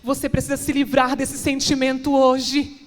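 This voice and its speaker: A woman's voice: high voice, completely flat delivery, moderate pace. Impassioned woman preacher in a reverberant church. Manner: impassioned testimony, rising to emphatic declarations. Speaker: guest minister. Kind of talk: sermon. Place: church hall.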